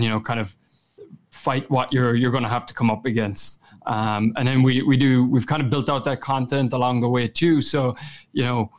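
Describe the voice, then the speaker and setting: A man with a west of Ireland Kerry accent, answering interview questions in an informal, conversational way. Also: medium pitch. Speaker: podcast guest, chief marketing officer.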